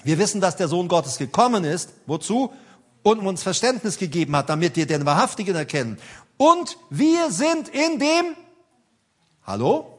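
High-voiced man preaching conversationally. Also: big pitch swings, brisk, husky. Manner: conversational preaching, addresses listeners directly, rising emphasis. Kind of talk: sermon.

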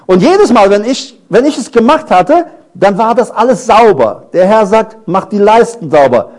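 A middle-aged man preaching a sermon, animated, asking his congregation question after question and telling stories from his own life. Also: high-pitched, moderate pace. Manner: tells personal stories.

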